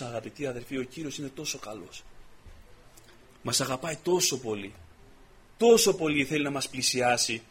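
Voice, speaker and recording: A man preaching a testimony sermon to his congregation, fervent and building up into loud, repeated exhortations. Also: high voice. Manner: peppers stories with repeated "I say".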